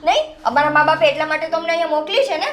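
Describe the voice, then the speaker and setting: An actress playing a frustrated young daughter-in-law who complains with an indignant edge. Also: female voice, sits high, racing, fairly bright tone. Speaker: young wife in family drama. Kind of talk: Gujarati family drama acting. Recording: echoey room.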